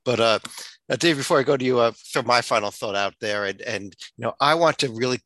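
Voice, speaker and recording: A man's voice: mid-range voice, quick pace, fairly bright tone, no echo. A man from the East Coast hosting a casual sports podcast, easygoing with plenty of fillers. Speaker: podcast host.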